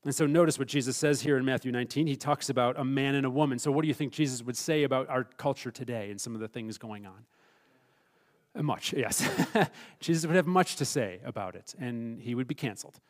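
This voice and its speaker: A man preaching a sermon as pastor, emphatic, swinging between loud stressed phrases and hushed, quiet asides. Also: medium pitch, brisk.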